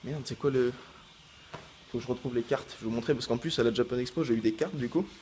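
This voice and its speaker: A man's voice: medium pitch, fast talker, mellow, a little hiss or hum. A man who makes gaming videos, chatting casually to his viewers in a rambling, hesitant way full of fillers and restarts. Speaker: gaming YouTuber. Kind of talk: casual vlog chat.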